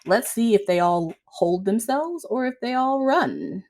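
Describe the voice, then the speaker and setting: A woman's voice: on the high side, lively intonation, unhurried, a little mellow. A woman narrating a tabletop role-playing game as game master in an informal, improvised way.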